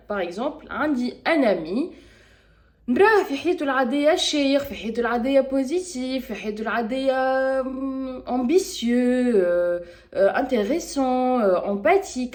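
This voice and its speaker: A woman's voice: high-pitched, lively intonation, very fast, darkish tone. A Tunisian woman with a Tunisian accent, chatting casually and spontaneously in a podcast vlog, hesitating often and mixing French with Tunisian Arabic. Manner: switches freely between French and Tunisian Arabic. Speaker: podcast vlogger. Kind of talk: casual chat.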